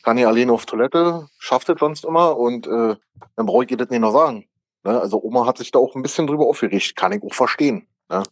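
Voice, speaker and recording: A man's voice: mid-range voice, big pitch swings, fast, gravelly, no echo. A man telling a rambling story in casual talk, adding "ne?" and "äh" as he goes. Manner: rambling, many "äh" and "ne?". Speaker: podcast co-host, care worker.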